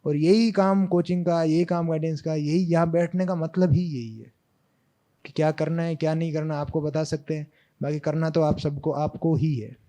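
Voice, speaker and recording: A man's voice: a little high, fairly even intonation, normal speed, mellow. A young man from Rajasthan, an exam topper, giving earnest motivational advice to students in a hall, repeating his points in short lists. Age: young adult.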